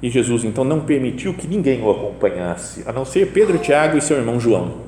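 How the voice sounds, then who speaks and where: A man with a Brazilian Portuguese accent delivers a conversational homily in a chapel, frequently asking his listeners "né?". His mid-range voice is sing-song and dark-toned, and he talks fast. The chapel sounds echoey and reverberant, with faint ambience and slight background noise.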